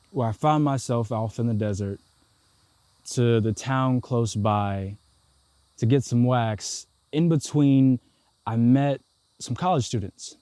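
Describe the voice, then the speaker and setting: This travel vlog has a young man narrating casually to the viewer, slangy and reflective. His voice is mid-range, and the recording is dry but carries loud background noise.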